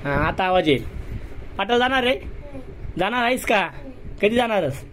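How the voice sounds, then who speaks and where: A man's voice: high-pitched, expressive, normal speed, fairly bright tone, a little hiss or hum. A man at home sternly scolding a child, asking the same questions again and again. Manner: stern, repeats questions insistently. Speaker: family member scolding a child. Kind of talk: home recording, family scolding. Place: home indoors.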